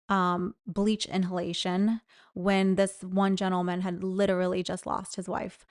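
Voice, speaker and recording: A woman, a former clinic employee, telling stories in a casual chat, animated and now and then mimicking people in a high voice. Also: no echo, studio quality.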